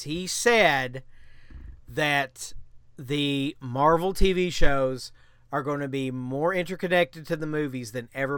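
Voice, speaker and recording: A man co-hosting a podcast in casual chat, animated and laughing often. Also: on the high side, clear, resonant tone, no room sound, clean studio sound. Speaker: podcast co-host.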